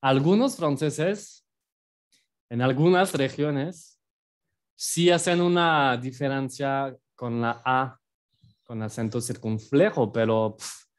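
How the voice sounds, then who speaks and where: French guy w/ french accent teaching a lesson, talks real slow, jokey and self-mocking. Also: mid-range voice, steady tone. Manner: playful, self-deprecating, explains slowly with examples. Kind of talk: online language lesson.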